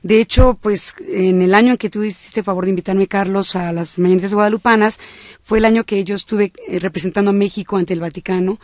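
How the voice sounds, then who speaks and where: A woman's voice: mid-range voice, steady tone, brisk, darkish tone, no echo, clean studio sound. A woman with a Mexican accent, a singer and speaker, talking fervently on a radio talk show. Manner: fervent, flowing religious speech. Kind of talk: devout talk show conversation.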